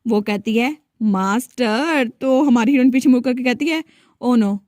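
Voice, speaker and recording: A woman with a fairly high voice narrates a comic story to a close microphone. The sound is dry, with no room around it. She speaks each character's lines in her own voice and barely changes it. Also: normal speed, a little mellow, dry recording. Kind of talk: retelling a comic story with quoted dialogue.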